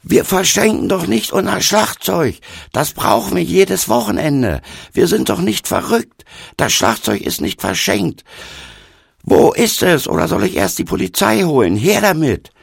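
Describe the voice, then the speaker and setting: A burly young man with a quick temper, bellowing in a raised, strained voice, as a male reader puts him on. The voice keeps a gravelly, husky grain. The recording is dry and close. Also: high-pitched, very animated, no echo, voice pushed up, exaggerated voice. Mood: furious. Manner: shouting loudly.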